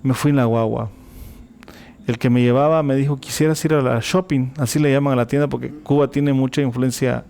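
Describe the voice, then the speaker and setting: A man's voice: mid-range voice, fairly even intonation, fairly quick, vocal fry, mellow. A man telling a personal faith testimony as an interview guest, acting out the dialogue vividly.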